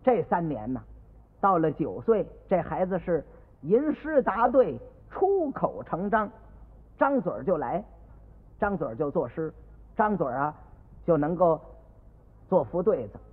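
A man narrating a comic monologue in a lively way, shifting into different voices for each character. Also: a little high, unhurried, long pauses. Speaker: comic storyteller. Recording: tinny old radio recording with long reverb.

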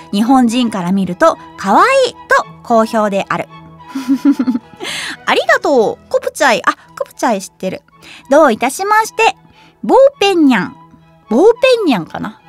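A young woman hosting a web radio show, reading quiz trivia aloud and reacting to it with quick giggles and chatty asides. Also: high-pitched. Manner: lively, giggly, reads trivia then reacts.

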